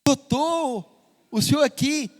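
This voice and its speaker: Preacher voicing a small trusting boy, raised high and pleading, big church echo. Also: slow pace. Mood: eager. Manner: insistent, repeats his question.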